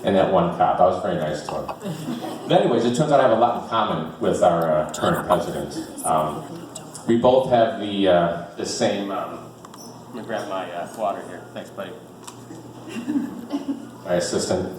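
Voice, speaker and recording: A man's voice: low voice, animated, normal speed, long pauses, background noise. A man in his fifties doing a rambling, self-deprecating stand-up set, full of fillers, in front of a small live audience. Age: 50s. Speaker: stand-up comedian. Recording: echoey room from far off.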